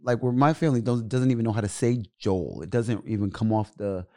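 A young comedian guest chatting in a casual interview, animated and emphatic, often repeating himself. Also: male voice, mid-range voice, quick pace.

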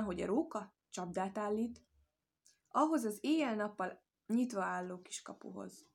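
A woman reading a folk tale aloud as storyteller, calm and measured. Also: medium pitch, creaky.

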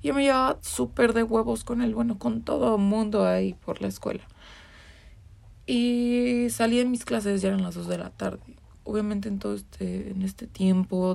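A woman's voice: medium pitch, steady tone, moderate pace, creaky, a little mellow. A woman with a Mexican accent, a podcast guest telling a personal story in a candid, casual way, swearing freely. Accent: Mexican Spanish.

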